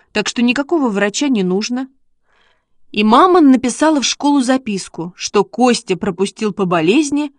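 A woman narrating a children's story in a steady, measured reading. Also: medium pitch, no room sound, studio quality. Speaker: audiobook reader.

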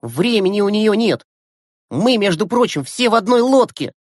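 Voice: medium pitch, expressive, moderate pace, dry recording, studio quality, voice pushed up, close to an everyday voice. A reader voicing a cocky, hot-tempered sixth-grade boy who lashes out sarcastically in an audiobook. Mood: angry. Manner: brash, sarcastic outbursts. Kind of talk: audiobook character voice.

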